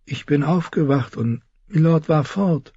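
A man voicing a soft-spoken, eager young woman in an audiobook reading, with a softened, raised voice. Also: fairly high pitch, unhurried, slightly rough, no room sound, pitched above the performer's own voice. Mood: soft, sleepy. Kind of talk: audiobook character voice. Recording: dull lo-fi recording.

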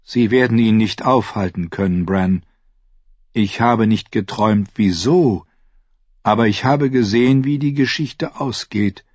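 A grave boy seer who speaks slowly and heavily, as if each word hurts, as a man reading aloud puts him on. The voice is husky and dry, in a dull recording. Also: lowish voice, darkish tone, dry recording. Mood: sorrowful. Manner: slow, heavy, pained.

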